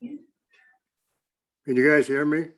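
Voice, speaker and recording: A man county commissioner joining a public meeting by video call, speaking bluntly and reading his motion deliberately. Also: on the high side, big pitch swings, a bit bright. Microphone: remote video call.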